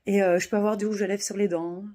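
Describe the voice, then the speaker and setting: A woman's voice: mid-range voice, little pitch movement, fast, a little mellow. A woman vlogger who has the flu, giving a hesitant aside to viewers and searching for her words. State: sick with the flu, tired.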